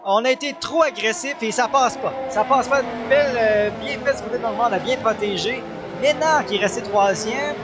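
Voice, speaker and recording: Quebec guy calling a car race, really high excited voice, urgent, repeats himself, loud crowd behind him. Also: normal speed, hardly any pauses, heavy background noise. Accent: Quebec French. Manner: exclamatory, urgent, repeats names and phrases. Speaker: motorsport commentator, play-by-play. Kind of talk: excited live motor racing commentary.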